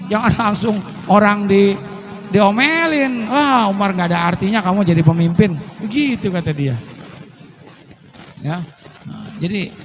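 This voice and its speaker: A man's voice: sits high, noisy background. A man giving a humorous religious lecture to a congregation, telling stories with quoted voices and chuckles. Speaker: preacher. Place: mosque gathering.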